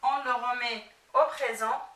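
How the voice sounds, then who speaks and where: A woman's voice: on the high side, fairly even intonation, measured pace, fairly bright tone. Patient woman teacher in an echoey room. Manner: sounds out each letter and vowel mark patiently. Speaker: Arabic teacher. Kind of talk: slow spelling-out lesson for a child. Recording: echoey room, mic at a distance.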